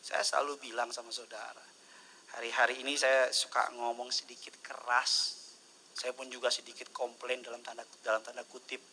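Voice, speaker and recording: Bright-voiced joking male preacher. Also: mid-range voice, normal speed, a little hiss or hum. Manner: lively, joking preacher who mimics congregants' voices. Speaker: pastor. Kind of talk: sermon. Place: church service.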